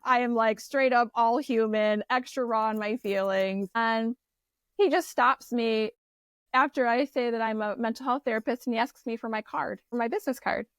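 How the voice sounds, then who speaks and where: A woman therapist, a guest in an interview, telling personal stories in a candid, animated way with frequent restarts. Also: on the high side, moderate pace, clear, resonant tone, dry recording. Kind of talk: conversational storytelling interview.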